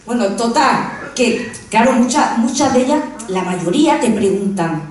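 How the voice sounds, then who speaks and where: A woman's voice: a little high, lively intonation, unhurried, darkish tone. A woman performing a self-mocking stand-up comedy monologue on a live stage, with punchy joke delivery. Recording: very echoey room, voice from far off.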